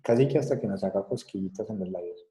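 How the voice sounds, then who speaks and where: Man, university lecturer, very dark voice, lowish, keeps asking if students follow. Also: fast talker, poor audio. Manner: explanatory, checks understanding with frequent tag questions. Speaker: psychology lecturer. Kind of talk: recorded class lecture.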